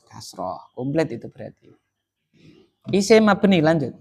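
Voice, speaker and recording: A man's voice: a little high, sing-song, unhurried, vocal fry. A middle-aged man, teaching Arabic grammar to a class and constantly quizzing the students with prompts. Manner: quizzing students with repeated "apa, Pak?" prompts. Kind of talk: classroom lesson with call and response.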